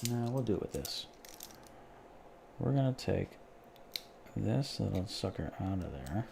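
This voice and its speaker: Gravelly man rambling through a live build. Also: on the low side, sing-song, unhurried, noisy background. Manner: rambling, jokey, talks to chat while tinkering. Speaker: live stream host. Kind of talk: casual live-stream build chat.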